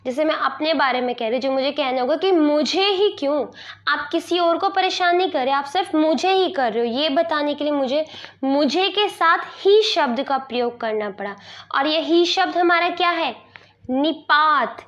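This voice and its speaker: A woman teaching a grammar lesson, explaining slowly and asking herself questions she then answers. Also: sits high, a bit bright, dull audio.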